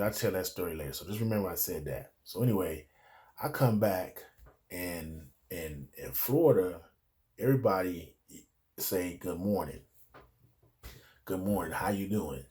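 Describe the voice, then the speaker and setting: A middle-aged American man with a fairly low, slightly mellow voice casually recalls stories from his youth, unscripted. He rambles through digressions and circles back, using lots of street slang. His intonation is lively, his speed normal, and he pauses often.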